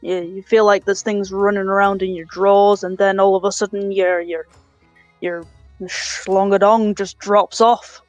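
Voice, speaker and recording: A player doing a sly, cheeky rogue. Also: male voice, sits high, flat delivery, a little slow, no room sound, soft background music. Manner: sly, joking. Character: cheeky male rogue with a pet.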